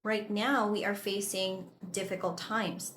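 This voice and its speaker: A woman teaching an English vocabulary lesson, explaining each word deliberately and clearly. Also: medium pitch, steady tone, a bit bright. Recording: echoey room with faint noise.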